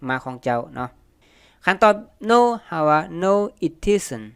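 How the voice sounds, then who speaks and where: Slow, smooth Lao-accented English teacher. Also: mid-range voice, sing-song, a bit bright, dry recording, clean studio sound. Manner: repeats each English word slowly and clearly. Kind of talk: beginner English lesson in Lao.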